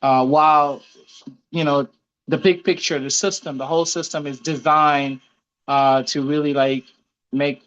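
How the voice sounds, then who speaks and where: Man from Senegal, smooth voice, dull audio. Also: a little high, fairly even intonation, a little slow, fairly bright tone. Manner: earnest, personal, frequent fillers. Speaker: author and guest. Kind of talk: online interview.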